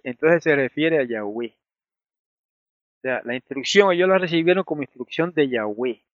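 A man with a fairly high voice teaches a Bible study, explaining each point and asking his listeners rhetorical questions. The recording is dull and lo-fi. It is also very dry, with no room sound. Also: no room sound.

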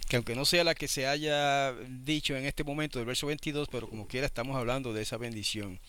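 A man's voice: mid-range voice, steady tone, fast, fairly bright tone, clean tone. A man preaching a sermon, explaining things and often asking his listeners rhetorical questions. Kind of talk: sermon teaching.

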